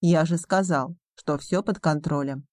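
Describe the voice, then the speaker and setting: Woman voicing a smooth, scheming businessman father. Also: low voice, unhurried, a little mellow, no echo. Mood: calm.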